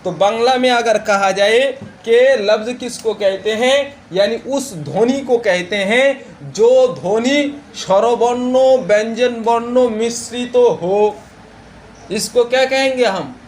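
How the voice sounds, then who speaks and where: A male teacher with a very high voice leads a classroom lesson at an unhurried pace. He stops often to quiz his students and repeats each term. A faint hiss sits under the recording. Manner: slow, repeats key terms and asks the students questions. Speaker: religious teacher. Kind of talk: classroom lesson on Arabic grammar.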